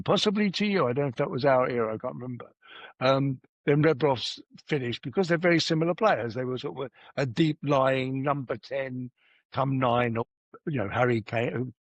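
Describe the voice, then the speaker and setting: A man's voice: mid-range voice, no room sound, muffled recording. A man on a football podcast panel, reminiscing and thinking aloud. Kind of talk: casual football chat.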